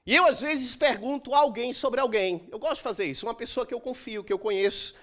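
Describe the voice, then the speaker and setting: A middle-aged man preaching a sermon as pastor, emphatic, with dramatic pauses and swings from loud to soft. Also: very high voice. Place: church.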